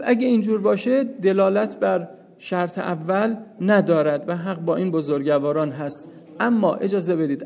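A male seminary teacher explains a point of law step by step, raising questions and answering them himself. His voice sits high and has a gravelly edge. The recording is dull and lo-fi, with a long reverb trailing behind him. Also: a little mellow. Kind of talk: jurisprudence lecture.

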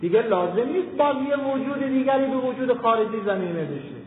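A man's voice: very high-pitched, expressive, a little hiss or hum. Man lecturing on philosophy, tinny and echoey. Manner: deliberate, slows and stresses key terms. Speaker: teacher of Islamic philosophy. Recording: tinny, echoey hall recording.

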